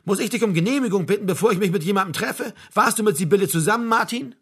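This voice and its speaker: A man's voice: high-pitched, fast talker, breathy edge, voice pushed up. A man reading an audiobook, voicing a dry, sarcastic young man who stays cool in an argument. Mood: heated.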